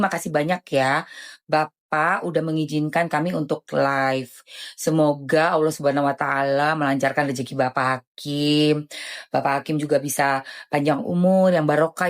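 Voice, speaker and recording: Chatty woman live streaming. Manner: animated, chatty, jumpy pitch swings, lots of slang. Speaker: selling skincare products. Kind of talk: casual live-stream chat.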